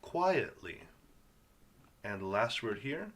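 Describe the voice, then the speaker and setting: A man teaching English reading to learners, sounding out words patiently and repeating them in a slow guided lesson. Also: lowish voice, sing-song, fairly bright tone, a little hiss or hum.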